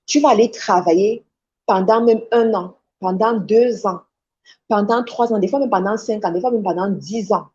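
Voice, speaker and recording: A woman's voice: mid-range voice, moderate pace, a little mellow. A woman giving a motivational sermon, exhorting her listeners directly and repeating her points. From Cameroon. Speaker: preacher and motivational speaker. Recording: dull lo-fi recording.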